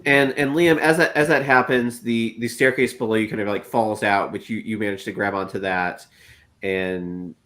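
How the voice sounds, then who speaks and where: A man's voice: fairly low pitch, steady tone, normal speed, a bit bright. A man running a tabletop role-playing game as game master, narrating with many fillers and restarts.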